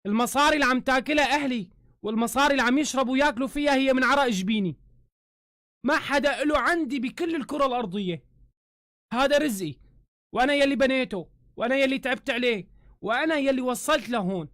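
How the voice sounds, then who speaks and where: A Syrian man with a Syrian Arabic accent, ranting heatedly on a live stream, swearing oaths and shouting in bursts. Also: very high-pitched, fast, no room sound, studio quality. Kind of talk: angry live-stream rant. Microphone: phone camera.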